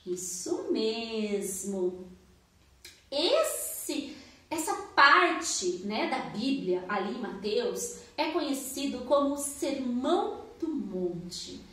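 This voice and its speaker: Woman, children's church teacher, high bright voice, unhurried coaxing sing-song, very echoey room. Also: big pitch swings. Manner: slow, sing-song, coaxing, with many tag questions to children. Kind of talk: online children's service and Bible story.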